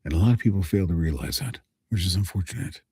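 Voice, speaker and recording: A man hosting a casual live stream, a voice actor chatting with viewers in a deep, gravelly voice and a slow, dramatic delivery that drops to a whisper. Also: lively intonation, warm tone, dry recording, clean studio sound.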